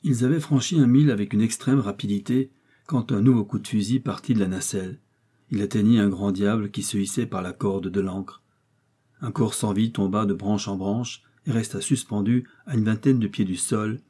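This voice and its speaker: A man reading a classic adventure novel aloud as audiobook narrator, in an even, steady storytelling way. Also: on the low side, moderate pace, breathy edge. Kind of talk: scripted narration.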